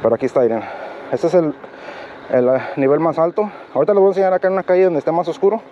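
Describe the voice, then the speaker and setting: A man whose first language is English vlogs while cycling on city streets at night, speaking Spanish as a learner, halting and full of fillers. His voice is a little high with a dark tone. An action camera on the bike captures dull audio amid traffic and road noise.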